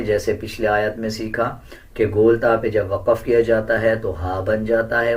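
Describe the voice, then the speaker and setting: A man teaches Quran recitation, calmly laying out the rules before chanting verses slowly and melodiously, much louder than when he explains. His voice is somewhat low.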